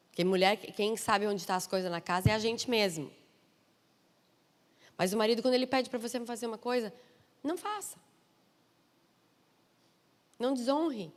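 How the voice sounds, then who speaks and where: A woman missionary preacher with a Brazilian Portuguese accent, delivering a sermon with lively, humorous storytelling and emphatic asides. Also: mid-range voice, moderate pace, long pauses. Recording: long reverb of a large hall.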